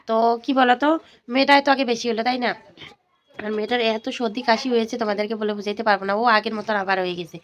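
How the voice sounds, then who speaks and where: A woman's voice: fairly high pitch, fairly bright tone. A woman in her thirties, a mother, chatting casually to her viewers in a home vlog. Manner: chatty, talks straight to viewers. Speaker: vlogger, mother. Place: home, indoors.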